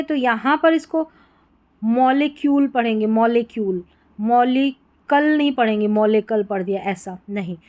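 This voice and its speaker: A woman's voice: a little high, a little mellow, highs cut off. A woman with a Hindi accent teaching English reading patterns, sounding out each word, repeating it, and quizzing the listener. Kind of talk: explaining spelling patterns.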